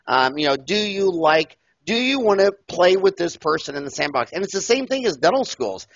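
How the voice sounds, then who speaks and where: Older man, loud and emphatic, storytelling, higher voice, lo-fi video call audio. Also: sing-song, moderate pace, vocal fry, dry recording. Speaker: dentist and podcast guest. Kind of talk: animated interview talk. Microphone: headset mic on a video call.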